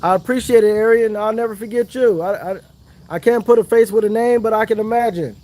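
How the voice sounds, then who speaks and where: Outdoors by the water, a man runs a fishing livestream, chatting casually and hyping up his viewers with Southern slang. His voice is high-pitched and darkish in tone, and he talks fairly quickly.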